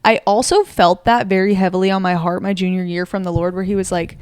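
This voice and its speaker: A woman's voice: lowish voice, steady tone, fast, darkish tone, smooth, dry recording. A young woman in her twenties co-hosting a podcast, talking in an earnest, heartfelt way and thinking aloud with many fillers. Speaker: podcast co-host. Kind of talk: casual reflective chat.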